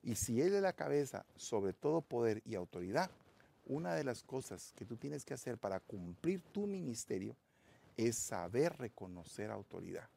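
A pastor delivers a sermon in a gravelly, mellow voice. His pitch swings widely as he builds emphasis and speaks straight to his listeners as brother. He is a man who preaches with steady conviction. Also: normal speed.

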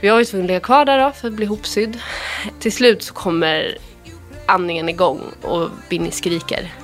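Podcast guest: woman in her thirties from Sweden, low voice, heartfelt personal storytelling, faint music under her. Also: steady tone. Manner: emotional, quotes others in a retelling voice.

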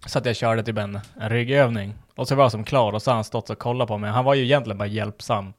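A man's voice: lowish voice, fairly even intonation. A young man chatting casually on a podcast, telling a gym story with lots of swearing and acted-out quotes.

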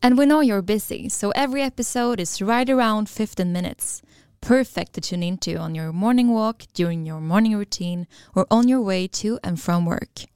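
A woman's voice: medium pitch, moderate pace, a little mellow, clear, resonant tone, no echo, studio quality. A woman co-host reading an upbeat, scripted podcast introduction. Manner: upbeat promotional read.

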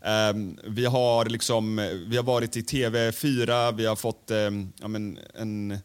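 A man co-hosting a casual podcast chat, frank and swearing, often pausing on fillers. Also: on the low side, fairly even intonation, clean tone. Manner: mimics others in loud raised voices. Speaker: podcast co-host.

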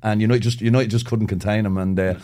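Male podcast host, lower pitch, quick eager banter. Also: fairly even intonation, mellow. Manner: enthusiastic, jokey interjections. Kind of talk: casual podcast chat.

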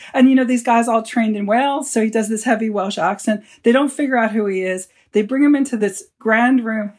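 A man, an author, telling stories as a guest in an interview and acting out the lines he quotes. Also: high-pitched. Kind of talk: storytelling in a podcast interview.

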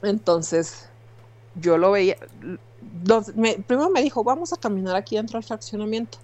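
A woman with a Mexican accent giving a personal testimony in an interview, telling her story in a lively way with frequent fillers. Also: medium pitch, normal speed.

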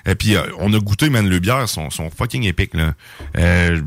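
Québécois man, low, dry, chatty. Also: expressive, moderate pace, dry recording. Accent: Québécois French. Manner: enthusiastic, slangy, many restarts. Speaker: radio co-host. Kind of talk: casual radio chat.

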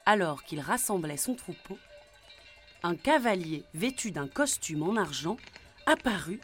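Slow, expressive woman telling a fairy tale. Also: on the low side, soft background music. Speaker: storyteller. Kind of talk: reading a children's fairy tale aloud.

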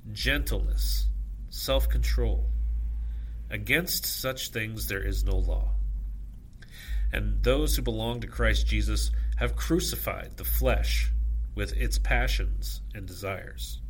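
A man officiating at evening prayer, reciting scripture and liturgy in measured, solemn short phrases. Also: on the low side, slight background noise.

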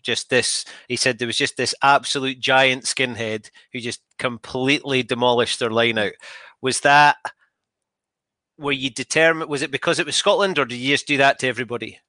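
Bright-voiced male interviewer, dry close sound. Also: medium pitch, fairly even intonation, moderate pace, no echo. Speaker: interviewer, host. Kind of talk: conversational interview questioning.

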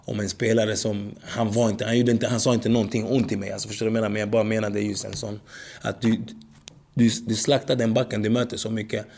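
Gravelly man telling stories in a podcast. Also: lowish voice. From Sweden. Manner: animated storytelling, frequent "förstår du vad jag menar". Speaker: guest, former footballer. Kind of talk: podcast interview.

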